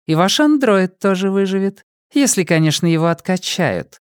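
A man voicing a cold, mocking female killer creature who speaks softly with a smile, in an audiobook. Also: mid-range voice, animated, moderate pace, smooth, dry recording, studio quality, voice pushed up, lightly acted. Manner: soft-spoken smiling menace.

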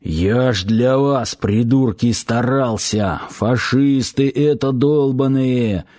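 A drunk middle-aged hunter drags out every word in a slow, slurred rant, as a male narrator acts him out. The voice is heavy and sluggish, spilling between paranoid shouting and sullen mumbling. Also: mid-range voice, close to an everyday voice.

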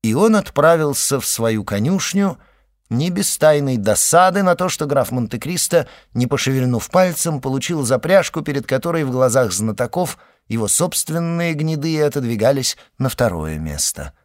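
A man narrating a classic novel as an audiobook in a measured, even reading. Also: medium pitch, dry recording, clean studio sound. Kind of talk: scripted narration.

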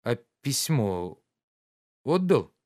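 A man's voice: mid-range voice, animated, normal speed, darkish tone, lightly acted. A man voicing a fretful idle nobleman. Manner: fretful, peevish scolding.

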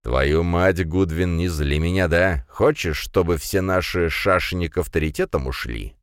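A man voicing a gruff, bossy male investigator disguised as a stout woman, in an audiobook. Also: low-pitched, measured pace, no echo, clean studio sound. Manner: grumbling, bossy. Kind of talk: audiobook character voice.

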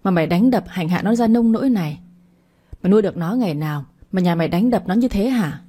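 A woman voicing an enraged older village father who shouts curses and insults, in storytelling narration. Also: medium pitch, expressive, fast, husky. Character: furious old village father, brawling.

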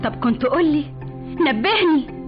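A woman's voice: high voice, animated, moderate pace, music in the background. An actress with an Egyptian accent playing a shocked young woman who reproaches a man with disgust in a radio drama. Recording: dull old radio recording.

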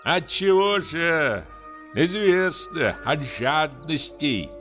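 A man voicing a pompous, sanctimonious landowner gentleman who scolds in a high, drawn-out tenor. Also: animated, soft background music, full character voice. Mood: indignant.

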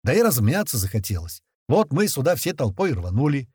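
A man playing an easygoing young fighter who talks in a chatty, reassuring way. His husky voice moves up and down in a lively way. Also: mid-range voice, fairly quick, no room sound, clean studio sound. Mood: placating. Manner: relaxed, soothing, chatty.

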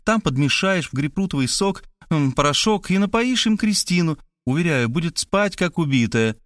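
A man's voice: on the high side, expressive, fairly bright tone, dry recording, clean studio sound, pitched above the performer's own voice. A man voicing a bossy, commanding woman. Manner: imperious, brisk orders.

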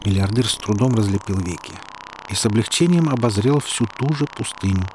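A man narrating an audiobook in an even, measured storytelling manner, over a steady background hiss. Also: on the low side.

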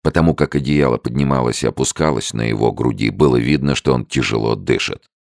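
A man reading a novel aloud as an audiobook narrator, with expressive delivery. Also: a bass voice, quick pace, no room sound, clean studio sound. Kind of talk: scripted narration.

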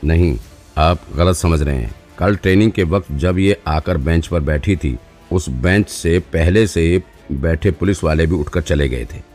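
A chatty young police trainee, teasing and full of gossip, in an audiobook, voiced by a man. His voice is very low, with soft music beneath it. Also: a little slow. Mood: gossipy.

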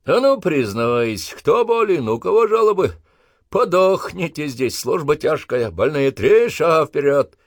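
A man's voice: on the high side, very animated, a little slow, dry recording, studio quality, voice pushed up, full character voice. A man voicing a harsh, scornful army drill sergeant who barks crude commands at recruits. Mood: stern, threatening. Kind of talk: audiobook character voice.

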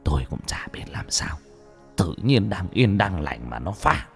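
A man voicing a frightened haunted man who speaks in a hushed whisper. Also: sits low, big pitch swings, measured pace, gravelly, faint music behind, full character voice. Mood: fearful.

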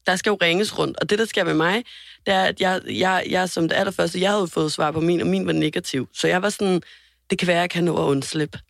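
A woman co-hosting a podcast, telling stories in a lively, animated way and swearing often. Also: lowish voice, creaky, no room sound, clean studio sound. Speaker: podcast co-host. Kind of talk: casual chat. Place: studio.

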